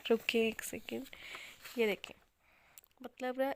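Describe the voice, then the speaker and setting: Casting note: woman, home vlogger mom, chatty and direct to camera, slightly high, gravelly voice. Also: level tone, unhurried, background noise. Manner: chatty, addresses viewers directly, laughs while talking. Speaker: family vlogger and mother. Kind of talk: casual family vlog chat to viewers. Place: at home, indoors.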